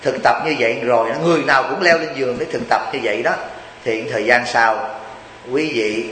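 A man's voice: mid-range voice, fairly quick, a bit bright, echoey room, big-room sound, a little hiss or hum, rough recording. A Buddhist monk from Vietnam gives a chatty, joking sermon, teasing his listeners and asking them rhetorical questions.

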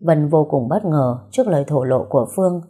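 A woman narrating a romance story, with even, unhurried reading. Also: deep voice, breathy edge.

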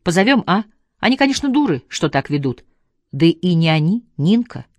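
A timid, gentle young husband in an audiobook, read by a woman narrator. He coaxes and pleads in a soft tone, recorded dry and close with nothing behind. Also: on the low side, big pitch swings, normal speed, dry recording, pitched above the performer's own voice. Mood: coaxing.

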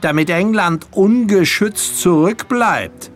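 A man's voice: high-pitched, slow, faint music behind, pitched above the performer's own voice. A man voicing a boastful, commanding Elizabethan sea captain who mocks a stranger. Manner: crowing, commanding.

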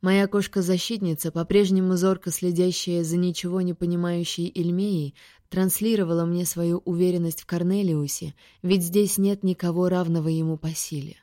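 A woman reading a first-person science-fiction audiobook in a steady, expressive way. Her voice sits low and mellow, recorded dry and close with no room sound. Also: moderate pace, dry recording. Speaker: audiobook reader.

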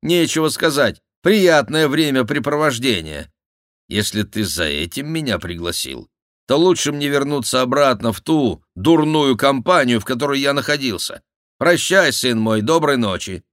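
A man reading an audiobook, voicing a cheeky, theatrical court jester with a high mocking voice. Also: expressive, normal speed, fairly bright tone, no room sound, studio quality, lightly acted. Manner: mocking, shrill exclamations, mimicking. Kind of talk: audiobook character voice.

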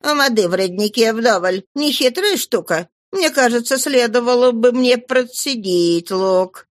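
Woman doing a shrill scolding innkeeper woman. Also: animated, unhurried, no echo, clean studio sound. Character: harsh bossy middle-aged innkeeper woman.

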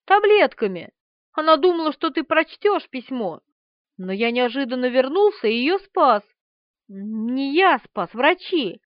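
Brief: tearful meek man servant, voiced by a woman, audiobook, very animated pitch, dry. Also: a little slow, no room sound. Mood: rambling. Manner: weepy, rambling. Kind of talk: audiobook character voice. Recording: slightly dull, dry.

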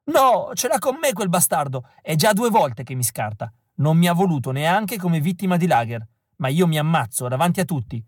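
A man's voice: a little high, expressive, moderate pace, few pauses, slightly rough, dry recording, clean studio sound, pitched above the performer's own voice. A man doing a frantic pale young hopeful. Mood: desperate. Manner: pleading, breathless and increasingly frantic. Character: pale desperate young male would-be extra.

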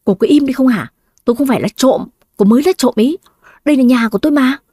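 A woman storyteller voicing a steady, calm young man who took over a bakery, reasoning with people and soothing them. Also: high voice, fast talker, husky, no room sound, clean studio sound. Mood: defensive.

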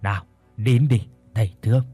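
A man voicing a calm old exorcist master with a deep, warm, soothing voice. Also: moderate pace, soft background music, natural voice. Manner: soothing, steady.

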